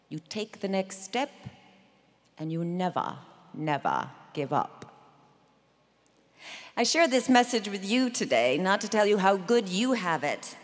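A middle-aged woman delivering a prepared commencement speech in a deliberate, measured storytelling manner at a podium microphone. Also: mid-range voice. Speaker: commencement speaker. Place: large ceremony venue. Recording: long reverb of a big venue.

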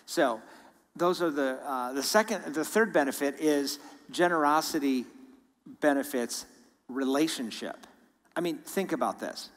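A male guest speaker giving a sermon in a church, telling stories in an animated way. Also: on the high side, a little slow. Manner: animated storytelling with laughs. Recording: long hall reverb.

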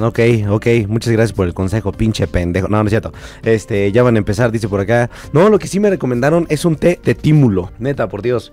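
A hoarse young man with a Mexican accent, sick with a cold, chatting casually on a live stream, reading out chat and swearing freely. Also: fairly low pitch, dark tone.

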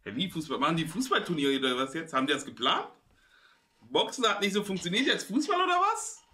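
A man's voice: fairly high pitch, very animated, fast, loud music behind the voice. A man in his thirties hosting a casual reaction stream, commenting in slang with some English thrown in. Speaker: reaction show host. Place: small indoor streaming room.

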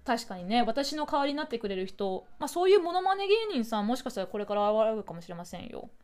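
A woman's voice: fairly high pitch, big pitch swings, fast, darkish tone, clear, resonant tone. A woman hosting a radio show in casual chat, playful and rambling, laughing often, into a studio microphone. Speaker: radio host.

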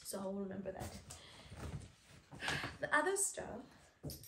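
Woman vlogger, unhurried rambling chat, camera in hand at home. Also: medium pitch, big pitch swings, creaky, noisy background. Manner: chatty, rambling, repeats words. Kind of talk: casual haul video chat. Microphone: handheld camera.

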